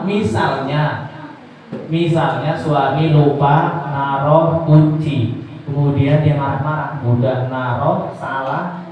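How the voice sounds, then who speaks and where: Preacher man in a booming, echoey hall. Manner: animated, acts out quoted wives with sudden high pitch. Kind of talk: sermon to women in a mosque. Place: mosque hall. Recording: very echoey hall, distant mic.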